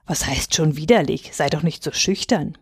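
A woman's voice: sits low, moderate pace, darkish tone, husky, no room sound, clean studio sound, voice pushed down. A woman reading aloud, voicing a domineering male estate steward who taunts and mocks. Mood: scornful. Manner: scornful, taunting.

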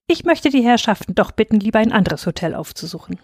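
Sprecherin als wichtigtuerischer Hotelober, steif und förmlich. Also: female voice, fairly high pitch, sing-song, quick pace, a little mellow, no echo, clean studio sound, pitched above the performer's own voice. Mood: formal. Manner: formal, self-important. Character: stiff, pompous male hotel waiter.

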